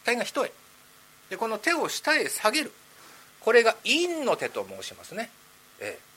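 A man's voice: sits high, wildly swooping pitch, normal speed, pushed and bright, breathy edge, low-quality recording. A man telling rakugo stories, chatty and playful, with asides to the audience. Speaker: rakugo storyteller. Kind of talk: rakugo storytelling.

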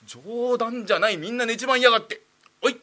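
A man playing an indignant old-time merchant master who scolds his clerk loudly. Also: high voice, sing-song, fast, husky, pitched above the performer's own voice, full character voice. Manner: scolding, shouting.

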